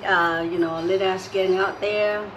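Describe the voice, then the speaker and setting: A woman who cooked the meal, explaining and serving it at home in an unhurried, casual way. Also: mid-range voice, fairly even intonation, a bit bright, dull audio. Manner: unhurried, explaining as she serves. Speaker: cook. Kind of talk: casual cooking talk. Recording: home video with clear background noise.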